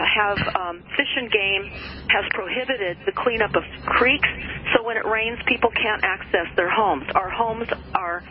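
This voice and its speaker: A woman from the United States speaking as a radio show guest, earnest and alarmed about conspiracies, with halting ums. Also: mid-range voice. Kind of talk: talk radio commentary. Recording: dull phone-in audio with noise.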